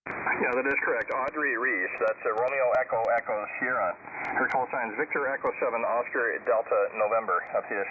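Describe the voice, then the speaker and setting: A man's voice: mid-range voice, brisk, slight background noise. Man heard over shortwave radio, narrow tinny sound, relaying a net announcement. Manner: reads call signs phonetically, with fillers.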